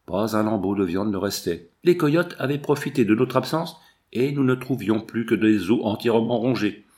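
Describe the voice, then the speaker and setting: A man reading a novel aloud as narrator, telling it in an expressive storytelling way. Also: fairly low pitch, moderate pace. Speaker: audiobook reader. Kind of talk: scripted narration.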